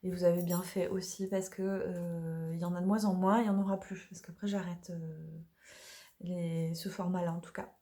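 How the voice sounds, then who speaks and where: Hesitant French woman, mellow voice. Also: lowish voice, flat delivery, normal speed. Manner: chatty, hesitant with many fillers. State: slightly hoarse from allergies. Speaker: oracle deck creator. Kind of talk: casual product presentation. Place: dim room in the evening.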